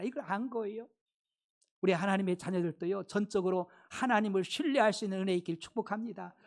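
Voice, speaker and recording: Emphatic preacher swinging loud and soft. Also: mid-range voice. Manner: repeats phrases for emphasis. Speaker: pastor. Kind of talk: sermon. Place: church.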